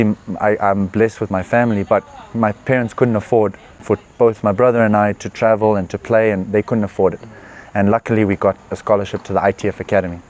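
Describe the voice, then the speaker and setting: A man, a professional tennis player answering interview questions in an earnest, relaxed way with many fillers. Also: lowish voice. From Zimbabwe. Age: 20s. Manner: relaxed, earnest, with frequent "uh" and "you know" fillers. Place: tournament venue.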